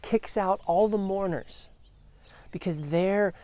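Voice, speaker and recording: A woman's voice: medium pitch, slow, mellow. A woman telling a Bible story as a devotional, earnest, acting out the quotes as she goes. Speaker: devotional speaker.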